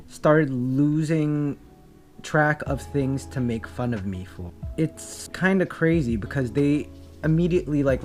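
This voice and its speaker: A man's voice: medium pitch, a little mellow. Reflective young man, candid story. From Philippines. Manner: candid, reflective, many fillers and restarts. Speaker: vlogger. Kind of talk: personal storytelling to camera.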